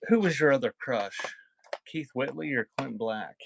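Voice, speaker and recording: Heavy background noise surrounds this man's medium-pitched, expressive voice, which moves at a moderate pace with a touch of vocal fry. He's hosting a live cassette sale online, calling out album titles and chatting casually with the audience.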